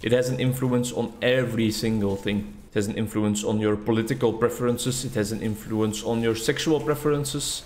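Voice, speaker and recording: This gaming YouTuber, a young man whose native language is Dutch, hails from the Netherlands or Flanders and chats casually over his gameplay. His fairly low, darkish voice holds a steady tone at normal speed, with hardly any pauses. The talk is rambling, reflective and self-deprecating.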